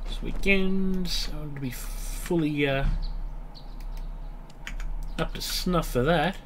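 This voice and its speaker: A let's play host in his late thirties, nose stuffy from a mild cold, thinks aloud while walking viewers through a game in casual commentary. His voice is a little high and slow, with slight background noise.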